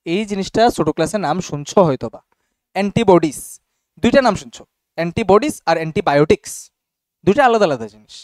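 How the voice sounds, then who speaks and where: A man's voice: sits high, expressive, fast talker, dry recording, studio quality. A young man teaching a class casually and often checking whether students follow. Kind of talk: classroom biology lesson.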